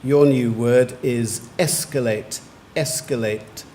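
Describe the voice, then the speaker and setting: Male spelling bee pronouncer, mid-pitched, careful deliberate enunciation, recorded in a reverberant hall. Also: steady tone, mellow. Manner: slow, careful enunciation of each word. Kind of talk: reading words, definitions and sentences aloud. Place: large museum hall. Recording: echoey hall, faint room noise.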